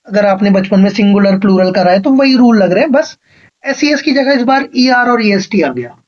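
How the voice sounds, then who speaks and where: A man's voice: sits high, expressive, normal speed, lo-fi sound. A man teaching an exam-prep grammar lecture, explaining patiently step by step and often checking that his students follow.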